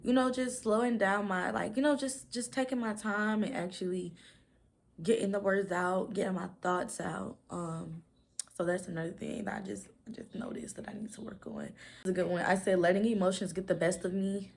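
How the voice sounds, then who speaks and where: A woman in her twenties chatting casually to camera as a vlogger, talking fast in rambling runs, stumbling over words and leaning on fillers. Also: medium pitch, fairly even intonation, creaky. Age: 20s. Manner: many "like" fillers.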